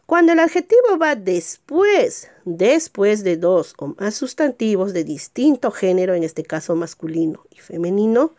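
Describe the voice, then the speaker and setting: Woman, teacher, recorded grammar lesson, mid-pitched voice, rhetorical check questions, slows on key words. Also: a little mellow. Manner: slows down to stress example words; pitch jumps up at new points.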